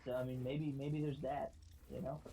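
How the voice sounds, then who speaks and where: A man's voice: medium pitch, level tone, normal speed, warm tone, low-quality recording. Laid-back rambling man on a stream. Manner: rambling, filler-heavy, laid-back talk. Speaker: guest co-player on a stream. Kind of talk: casual gaming stream chat.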